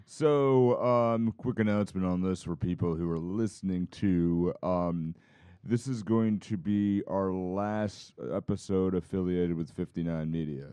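A man's voice: unhurried, dark tone, smooth, no echo. A man co-hosting a podcast, chatting casually with friends, laughing often and telling anecdotes. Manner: laughs often, tells stories with high-pitched impressions. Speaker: podcast co-host. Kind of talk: casual banter among friends.

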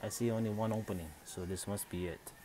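A man talks fast in a fairly low, warm voice with fairly even intonation, and a little hiss or hum is audible. He's an adult channel host and father of three doing a casual home unboxing vlog near a Christmas tree. Recording on a phone camera, he thinks aloud, chatty and unsure.

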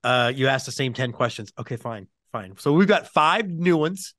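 A man's voice: medium pitch, animated, moderate pace, a bit bright, no room sound, clean studio sound. A man hosting a baseball podcast, joking and playing down his own bits while he interviews a guest. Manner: jokey, self-deprecating. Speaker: podcast host. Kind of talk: casual interview chat.

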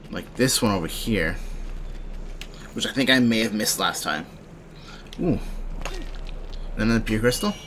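Young man, game streamer, bright tense voice, rambling, sleepy, faint background hiss. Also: on the low side, lively intonation, unhurried, pauses often. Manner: rambling, drowsy, thinking aloud. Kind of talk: casual gameplay commentary.

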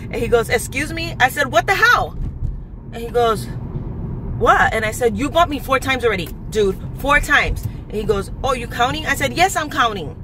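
A woman in her forties tells a rant-style story into her phone from inside a car. She is animated, calls her viewers "guys," and acts out both sides of each exchange. Loud car and road noise runs under her voice. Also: fairly high pitch, normal speed. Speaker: vlogger. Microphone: phone camera at arm's length.

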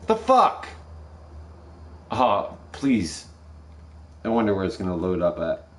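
A man's voice: lowish voice, wildly swooping pitch, slow. A man casually commenting while he plays a video game, exclaiming at scares, swearing and musing aloud about what he sees. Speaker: gameplay commentator. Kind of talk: casual let's play commentary. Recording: loud game music behind voice. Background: loud game music.

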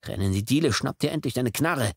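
Man playing a panicking cop, loud urgent commands, dry audiobook sound. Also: mid-range voice, animated, a little fast, slightly rough, dry recording, voice pushed up. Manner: urgent, shouted commands to himself. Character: panicking male police officer, middle-aged.

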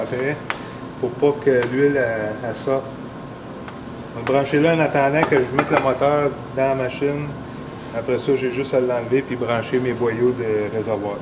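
This hands-on repair tutorial features a snowmobile mechanic in his forties who has a Québécois French accent and a medium-pitched voice. Recorded in an indoor workshop garage with a noisy background, he explains the repair one step at a time, casually rambling and using fillers.

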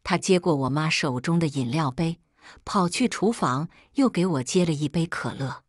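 Lively low-voiced woman narrator. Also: normal speed, dry recording, clean studio sound. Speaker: storyteller. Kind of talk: scripted first-person narration.

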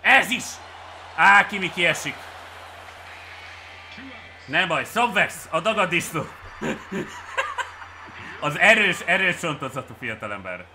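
A Hungarian man streaming a game with viewers, cheering and shouting at plays and then muttering to himself. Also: on the high side, animated, long pauses, background noise. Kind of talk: excited live game commentary.

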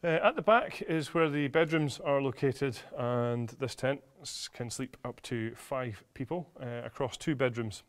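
A man's voice: mid-range voice, a little slow, few pauses. Man demonstrating a tent, friendly and explanatory. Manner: friendly, explanatory, with frequent "uh" fillers. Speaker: product presenter. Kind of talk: product demonstration. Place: large indoor studio with a tent.

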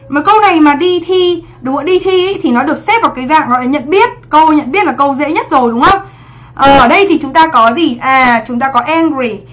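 A woman's voice: high voice, fairly bright tone. A young woman teaching English on a livestream exam review, chatty and checking in with her students often.

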